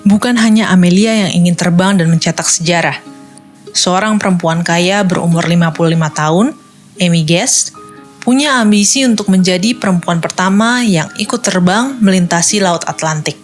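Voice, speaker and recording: A woman narrating a children's history story in a clear, even storytelling manner. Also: on the low side, normal speed, soft background music.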